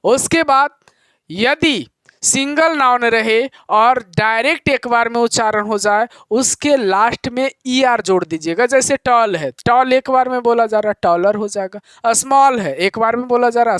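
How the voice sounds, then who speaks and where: A male teacher giving a grammar lesson, explaining slowly and repeating key points to his students. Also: very high voice, fairly bright tone, clean tone, no echo. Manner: calls students "my dear children".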